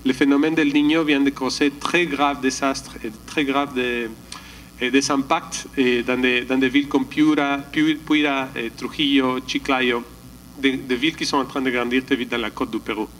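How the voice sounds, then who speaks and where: A man's voice: medium pitch, fairly even intonation, moderate pace, fairly bright tone, a little hiss or hum, rough recording. A man giving a slide presentation at a conference, hesitant, often restarting and searching for words. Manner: calls for the next slide.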